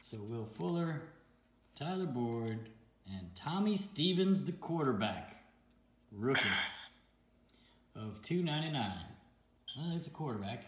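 A man's voice: medium pitch, lively intonation, measured pace, long pauses. Guy ripping card packs, laughs a lot, echoey room, bit of hiss. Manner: chatty, laughs often, reads out card names. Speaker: card-opening channel host. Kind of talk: casual card unboxing chat. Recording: roomy echo with faint noise.

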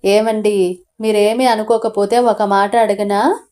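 A woman voicing a gentle, worried middle-aged mother who soothes her son and pleads with her husband, in a storybook audio novel. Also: medium pitch, flat delivery, takes it slowly, close to an everyday voice. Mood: pleading.

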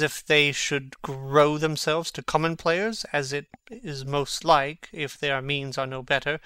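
In the role of a Shakespearean young prince pretending to be mad, a man sounds curious and probing while keeping a witty, mocking, archly sardonic theatricality. His highish voice is very bright, clear and resonant. Recorded close and dry, it carries no room sound.

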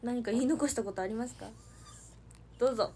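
A woman's voice: a little high, fairly quick, a little mellow, slight background noise. A young woman, chatting casually and giggling on a livestream from her family home, reading out viewer comments. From Hiroshima, Japan. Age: young adult. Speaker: idol livestreamer.

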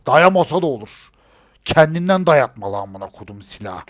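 A man's voice: medium pitch, sing-song, normal speed, a bit bright. Man muttering game commentary. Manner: muttering to himself, bursting into frustrated swearing outbursts. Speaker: gameplay streamer. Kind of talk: casual gameplay commentary. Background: gunfire from the game.

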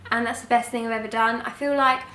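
Young woman, storytime vlog, frank and expressive, roomy sound, mic set back. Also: a little high, quick pace, far from the mic, a little hiss or hum. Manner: frank and expressive, swears casually. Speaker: vlogger.

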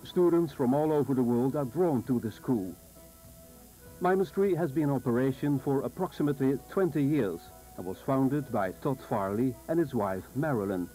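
Man narrating a documentary, dark tone. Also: mid-range voice, expressive, moderate pace, soft background music, poor audio. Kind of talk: scripted narration.

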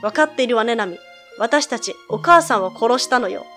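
An eerie ghost twin from a game who speaks in a cold, insinuating way, as a woman reads her. The voice is fairly high. Game music plays faintly behind. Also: expressive, fairly quick, fairly bright tone.

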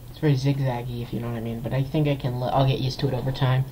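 A man's voice: mid-range voice, level tone, racing, dark tone, a little hiss or hum, low-quality recording. Rambling young man narrating gameplay. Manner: rambling, filler-heavy, restarts sentences. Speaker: gameplay video host. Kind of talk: casual let's-play commentary.

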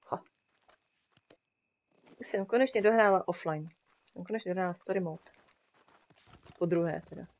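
A woman's voice: medium pitch, lo-fi sound. A woman streaming a game live, chatting casually with her viewers and talking to the animals on screen. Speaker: streamer and graphic designer.

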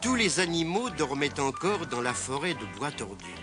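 A man reading a children's story aloud in a lively, expressive manner. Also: on the high side, normal speed. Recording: music playing behind.

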